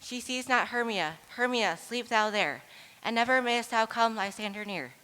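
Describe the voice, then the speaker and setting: A woman's voice: a little high, animated, moderate pace, sharp tone. A woman playing an ardent young nobleman who speaks in impassioned verse. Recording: echoey hall.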